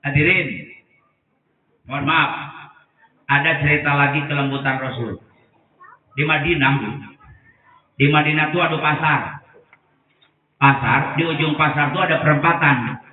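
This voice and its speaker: A male preacher, telling a story with jokes and acted voices in a lively sermon. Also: on the high side, a little slow, pauses often, recorded from a distance, slight background noise. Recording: echoey phone-like sound from afar.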